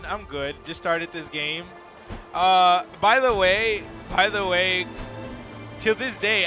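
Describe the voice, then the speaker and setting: A man streaming a video game live, reacting excitedly, chatting with viewers and swearing casually. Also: a little high. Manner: excitable, chatty, talks to chat. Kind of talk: live gameplay commentary. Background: game music.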